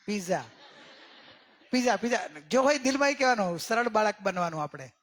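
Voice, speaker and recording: A man giving a religious discourse as a spiritual teacher. He keeps checking in with his listeners and draws key words out slowly for emphasis. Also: sits high, expressive, a bit bright. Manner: questioning, coaxing listeners with repeated checks.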